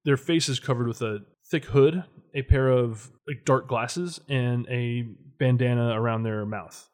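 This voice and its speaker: A man narrating and running a tabletop game as game master, in a calm, measured way. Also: mid-range voice.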